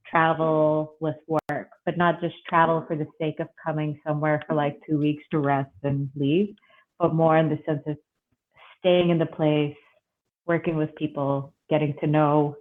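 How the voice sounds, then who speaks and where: A woman born in Russia and raised in Bangladesh, talking as an interview guest in a relaxed, reflective way with fillers. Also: deep voice. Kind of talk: casual interview conversation. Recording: tinny phone-like line.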